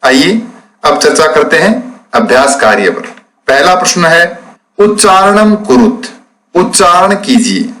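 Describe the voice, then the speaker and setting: A man teaching a classroom lesson, explaining textbook exercises slowly and spelling out words syllable by syllable. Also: a little high, big pitch swings, fairly bright tone, poor audio.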